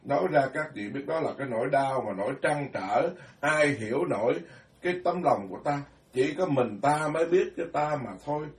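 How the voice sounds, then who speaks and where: Blunt monk preaching. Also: male voice, fairly high pitch, lively intonation, fairly quick. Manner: blunt, scolding, self-deprecating. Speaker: Buddhist monk. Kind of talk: sermon. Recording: echoey room, far from mic.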